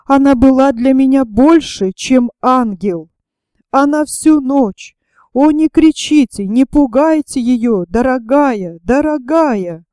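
A woman reading the lines of a frail, sick old gentleman in an audiobook, pleading, breathless and sentimental. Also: high voice, slow pace, no room sound. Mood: tearful.

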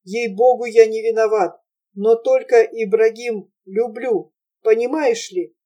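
This is a young merchant's son, read by a woman, anxious and lovestruck. His words come out hesitant and a bit trembling, in a mellow, fairly high voice. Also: steady tone, a little slow. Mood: pleading.

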